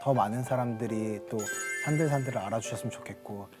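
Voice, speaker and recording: A man in his thirties, a company founder, speaking as a guest on a faith talk show in a quick, earnest, humble way. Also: mid-range voice, music in the background. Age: 30s. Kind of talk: testimony talk show chat.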